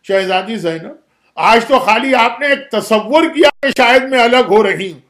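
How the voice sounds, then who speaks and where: A man's voice: very high voice, expressive, a bit bright. A man preaching a mourning sermon as an impassioned, dramatic storyteller.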